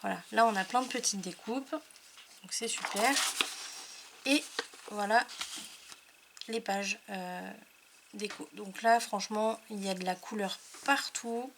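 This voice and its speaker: Showing off the craft papers she got, a woman who makes scrapbooking videos on YouTube chats hesitantly in a casual haul, filling her speech with fillers. Her medium-pitched voice is slow, with vocal fry and long pauses, over a noisy background.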